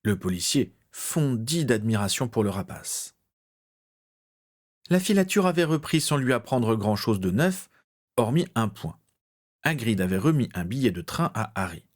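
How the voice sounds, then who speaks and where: A man narrating a story in an expressive, dramatic reading style. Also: mid-range voice, moderate pace. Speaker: audiobook narrator.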